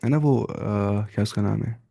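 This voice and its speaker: A man leads a casual online Quran reading class and drills the letters slowly, one by one. His voice is gravelly and mellow, at an ordinary pitch. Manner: slow drawn-out letter-by-letter drilling. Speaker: Quran recitation teacher. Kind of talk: live online tajweed lesson.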